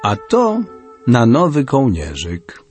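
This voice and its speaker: A man's voice: medium pitch, wildly swooping pitch, takes it slowly, music in the background. A man voicing a loving, grateful aunt speaking to her nephew. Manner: warm, grateful. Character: loving aunt, middle-aged woman.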